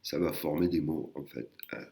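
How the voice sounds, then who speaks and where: Male language teacher, very deep and gravelly, casual and halting, full of fillers. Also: warm tone. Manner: hesitant, many fillers and restarts; sounds out syllables slowly. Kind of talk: casual spoken lesson.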